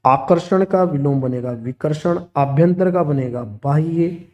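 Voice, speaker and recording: A man's voice: on the high side, a little slow, muffled recording. A man teaching a grammar lesson, steadily listing words and their opposites. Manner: steady, listing word pairs one after another.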